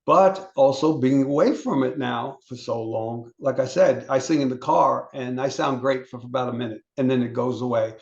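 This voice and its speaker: A man's voice: mid-range voice, moderate pace, gravelly, hardly any pauses, echoey room, lo-fi sound. An older man, a guest on an interview show, telling rambling stories about his music career with frequent restarts and stammers. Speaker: interview guest, solo performer. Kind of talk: casual interview chat.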